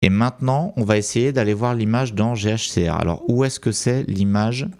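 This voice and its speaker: A man's voice: lowish voice, normal speed, a little mellow. A man with a French accent talking through a screen-recorded tutorial, thinking aloud and hesitating with many fillers. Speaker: tutorial presenter.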